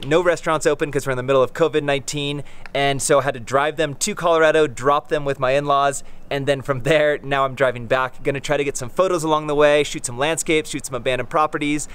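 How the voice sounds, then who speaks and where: A man in his thirties, a photographer talking casually in a vlog in a relaxed, rambling way, often adding "like" as an aside. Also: fairly high pitch, brisk, smooth. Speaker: photographer vlogger. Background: loud background music.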